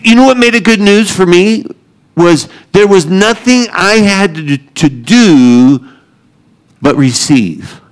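Middle-aged male preacher, unhurried, self-deprecating humor woven into sermon. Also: high-pitched, lively intonation, poor audio. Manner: joking, self-deprecating, laughs often. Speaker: pastor.

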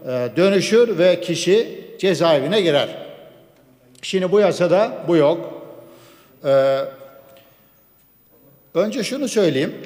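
A man's voice: a little high, darkish tone. Man speaking at a parliament rostrum microphone. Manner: measured, formal, piles up laws, dates and figures. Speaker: member of parliament. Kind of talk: formal parliamentary speech. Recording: long hall reverb.

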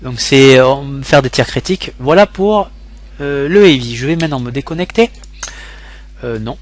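A young man from France talks his way through a game as a tutorial, rambling loosely and often stopping to restart a sentence. His voice sits at an ordinary middle pitch, neither high nor low. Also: lively intonation, moderate pace. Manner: rambling, many fillers and restarts. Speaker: gaming tutorial host. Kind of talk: casual gameplay commentary tutorial.

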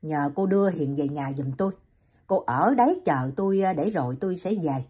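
A woman's voice: low-pitched, lively intonation, moderate pace, mellow, breathy edge, voice pushed down. A woman voicing a stern young male doctor in an audiobook, giving firm, clipped orders. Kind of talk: audiobook reading.

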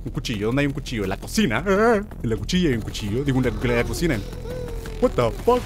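A man's voice: mid-range voice, quick pace. A young man hosting a gaming video, joking and talking back to a horror game as he plays. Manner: excitable, jokey, talks to the game. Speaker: gamer host.

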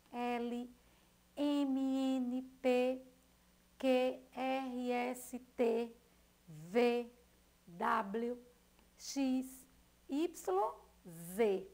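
A Brazilian woman teaches young children in a recorded lesson, spelling out letters one at a time. Her voice sits fairly high and moves widely in a sing-song way. She talks slowly, with a touch of gravel at the ends of phrases. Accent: Brazilian Portuguese.

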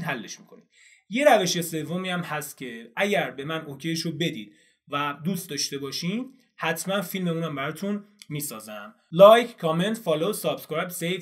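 Man explaining a study method, slightly high voice. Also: a bit bright. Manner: explains step by step, asks and answers own questions. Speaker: English teacher. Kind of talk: video lesson.

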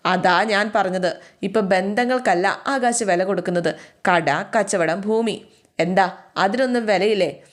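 A woman's voice: mid-range voice, unhurried, close to an everyday voice. A woman voicing an indignant young daughter. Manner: reproachful, insistent.

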